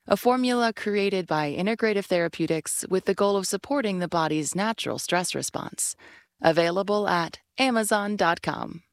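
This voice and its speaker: A woman announcer reading sponsor messages in an even, scripted way. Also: fairly low pitch, no room sound, clean studio sound. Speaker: network announcer.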